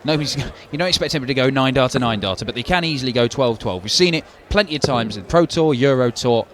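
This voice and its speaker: A man's voice: mid-range voice, expressive, fast, fairly bright tone. A man giving conversational live darts commentary, stacking short phrases for emphasis. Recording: crowd noise behind commentary. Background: darts crowd.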